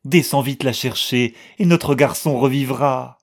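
A shrill, feverish old woman, a grieving mother on the edge of madness, as a male reader puts her on. Her voice climbs high and pleads loudly, with a husky grain under it. It is an audiobook reading. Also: a little slow.

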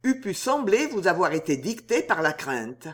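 A reader voicing a haughty, hot-tempered male count in a swashbuckling audiobook, sneering and quick to rage. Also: mid-range voice, very animated, lightly acted. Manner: sneering, then raging.

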